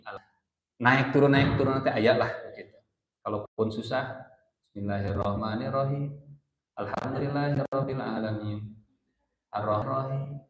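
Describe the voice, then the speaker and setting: A man's voice: medium pitch, a little hiss or hum. Sundanese-accented male preacher in an echoey room. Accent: Sundanese-inflected Indonesian. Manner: chanting Arabic verses, mixing in Sundanese asides. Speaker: ustadz teaching a Quran study circle. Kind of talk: Islamic study lecture.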